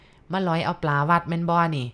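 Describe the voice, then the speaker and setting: A woman voicing a stern but kindly old male abbot, talking in a measured, scolding way. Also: on the low side, fairly even intonation, a bit bright, lightly acted.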